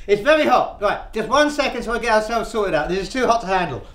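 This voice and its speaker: A man's voice: sits high, expressive, fast, fairly bright tone. A man hosting a casual cooking demonstration, chatty and rambling and laughing often as he tells jokes. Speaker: cooking show host. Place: outdoors, windy. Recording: echoey with faint ambient noise.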